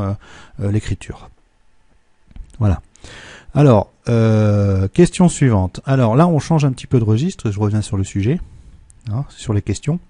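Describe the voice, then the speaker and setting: A man teaching a technical lesson, walking through a correction step by step, patiently checking that his students follow and slowing down on numbers. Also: fairly low pitch, warm tone, no room sound. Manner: patient, checks in with "d'accord?" and "hein"; slows down to spell out numbers and steps. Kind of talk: screen-recorded lesson correction.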